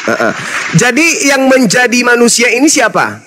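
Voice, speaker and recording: A man's voice: very high-pitched, wildly swooping pitch, moderate pace, over music. A man, an Islamic preacher, in a heated interfaith debate, lecturing insistently and talking over the other man.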